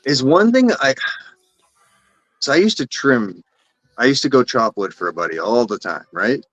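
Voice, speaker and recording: A man's voice: mid-range voice, animated, normal speed, a bit bright, no echo. A man with a Canadian accent, a guest on a casual live stream, talking in rambling, self-correcting runs and swearing casually. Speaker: guest cannabis breeder.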